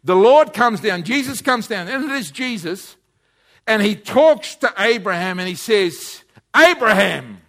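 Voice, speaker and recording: A man preaching a sermon, urgently pleading with the congregation, rising to loud appeals and dropping to hushed warnings. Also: sits high, lively intonation, unhurried.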